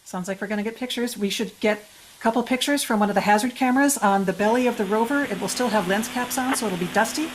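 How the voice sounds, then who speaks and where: A woman's voice: mid-range voice, fast, a little hiss or hum, poor audio. A woman giving informal live commentary, chatty and thinking aloud as she goes.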